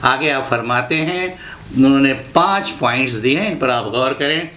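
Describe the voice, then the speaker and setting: A man with a Nagpur accent teaching Urdu pronunciation, saying each word slowly and repeating it with care. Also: medium pitch, sharp tone. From India. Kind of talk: slow instructional talk.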